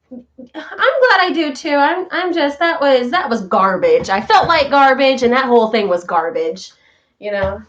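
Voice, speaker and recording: A woman who hosts a vlog and does voice work chats casually to viewers in a morning vlog from home, rambling a bit and sounding slightly stuffy from sinus trouble. Her voice sits high with a fairly bright tone, and the highs are cut off.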